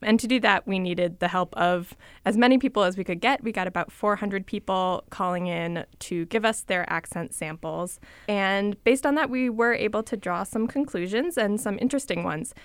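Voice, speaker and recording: A woman reporter explains her findings in a chatty style with the occasional filler. Her voice sits at a middle pitch. The studio sound is dry and close. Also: moderate pace, smooth, no room sound. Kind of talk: radio interview explanation.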